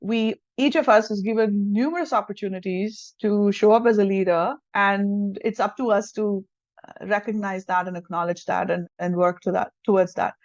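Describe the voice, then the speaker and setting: In a conversational interview, an Indian woman who works as a self-leadership coach reflects earnestly in Hindi, rephrasing mid-thought. She talks at a normal speed with a steady tone, her middle-pitched voice dull and dry in a lo-fi recording.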